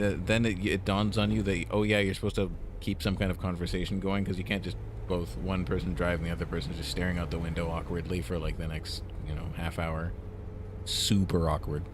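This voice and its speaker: A man's voice: low voice, flat delivery, a little fast, noisy background. A man co-hosting a gaming video, chatting casually and reading out game dialogue.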